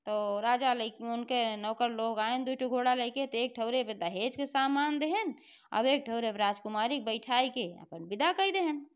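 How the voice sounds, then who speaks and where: High, smooth woman telling a folk tale. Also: normal speed. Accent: Bhojpuri-inflected Hindi. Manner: chatty, homely narration with filler address words. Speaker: storyteller.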